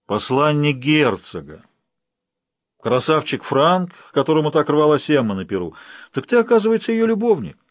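A man's voice: mid-range voice, lively intonation, measured pace, no room sound, pitched above the performer's own voice, close to an everyday voice. Man voicing a furious Viking chieftain. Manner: shouting, then cold and harsh. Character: fierce Viking chieftain, jealous and hot-tempered.

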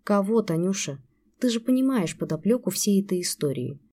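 A woman's voice: mid-range voice, animated, fairly quick, dark tone, breathy edge. A woman reading the lines of a tearful, emotional young woman who speaks in a shaky voice.

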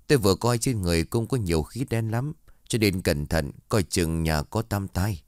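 A stern elderly exorcist, put on by a male storyteller, delivering warnings in a very deep, grave voice. He speaks slowly and heavily in this audio horror tale. The sound is dry and close. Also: darkish tone, no room sound, natural voice.

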